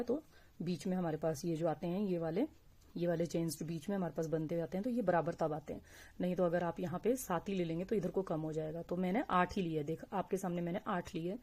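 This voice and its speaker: A woman teaching crochet step by step, speaking slowly and patiently and counting stitches aloud. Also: lowish voice, warm tone. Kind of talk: step-by-step crafting tutorial.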